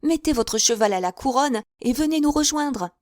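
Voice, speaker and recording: A woman doing a gushing, shrill old spinster. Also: expressive, normal speed, darkish tone, no echo, studio quality. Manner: gushing, breathless run-on chatter. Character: chattering, effusive older spinster.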